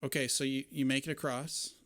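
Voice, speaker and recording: A man's voice: medium pitch, level tone, a little fast, a bit bright, no echo, clean studio sound. A man narrating a tabletop role-playing game as game master in a conversational way.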